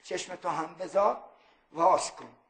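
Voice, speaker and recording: A man voicing a revered holy man who speaks calmly and gives orders. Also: high voice, roomy sound, pitched below the performer's own voice. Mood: commanding.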